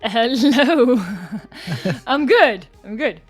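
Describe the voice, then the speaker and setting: A woman's voice: on the high side, expressive, very slow, soft background music. A woman from Estonia, a podcast guest telling stories in casual talk and laughing often.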